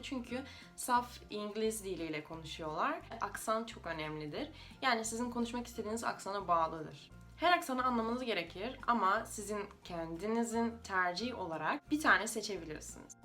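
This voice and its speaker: With a fairly bright mid-range voice, a native Russian speaker who creates language-learning videos talks informally to her viewers. Her Turkish is a bit unnatural, as a foreigner's would be, and carries a Russian accent.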